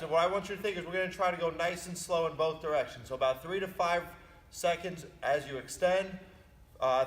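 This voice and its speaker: A man leading an exercise class, giving careful, unhurried step-by-step instructions as he demonstrates. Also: fairly high pitch, a bit bright. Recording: echoey room.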